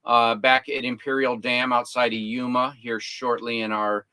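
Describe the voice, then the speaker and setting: A man's voice: mid-range voice, little pitch movement, normal speed, sharp tone, slight background noise. A man co-hosting a casual livestream from inside a camper, reading out viewer comments and joking. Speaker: co-host of an RV livestream.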